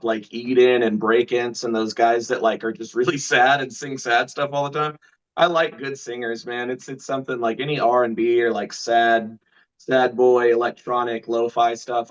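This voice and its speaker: A man's voice: mid-range voice, steady tone, normal speed, distant mic. A man in a band giving a casual interview in laid-back, slangy talk. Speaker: band member being interviewed. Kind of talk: casual chat. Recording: dull lo-fi sound, off mic.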